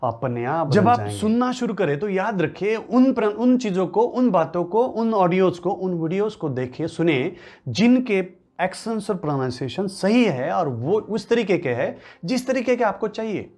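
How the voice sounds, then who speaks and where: A man coaching viewers in a motivational lesson, hammering each point through repetition and lists. His voice sits slightly high and swings widely in pitch as he stresses words. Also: animated, normal speed, darkish tone. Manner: emphatic, repeats and lists key points for stress. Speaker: English-speaking coach.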